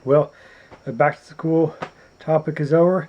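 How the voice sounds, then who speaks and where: A man giving a preachy, emphatic political rant to camera at home at night, clearing his throat often. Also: fairly high pitch, steady tone, unhurried, lo-fi sound, a little hiss or hum. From United States. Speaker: YouTuber. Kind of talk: opinionated political vlog rant.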